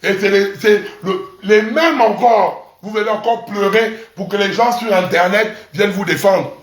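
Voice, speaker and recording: A man's voice: high voice, moderate pace, roomy sound. A man delivering a crude, provocative rant that mocks his audience and repeats syllables for emphasis. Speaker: online commentator. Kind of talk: mocking rant to camera.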